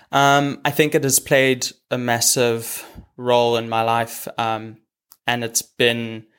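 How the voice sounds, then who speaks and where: A young South African man whose native language is Afrikaans is a guest on a video call, chatting casually. His smooth, mid-range voice is fairly bright, and he reflects hesitantly with many ums and restarts.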